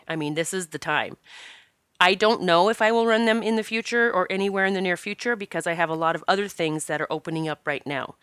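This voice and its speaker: A podcast host from Northeast Pennsylvania talks casually on her own show, congested from allergies. Her voice is lowish, bright and forceful, smooth on a dry, studio-quality recording, and she encourages listeners while using fillers.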